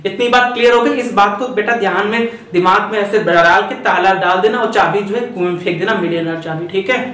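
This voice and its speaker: A man's voice: sits high, a little fast, fairly bright tone, recorded from a distance. Echoey man teaching grammar. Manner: chatty, repeats points, asks and answers himself. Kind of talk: lecture. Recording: echoey room, voice from off the mic.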